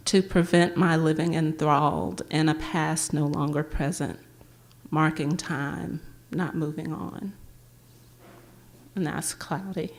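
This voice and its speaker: A woman reading her own poems aloud at a public library event, with a measured, gentle recitation. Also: low voice.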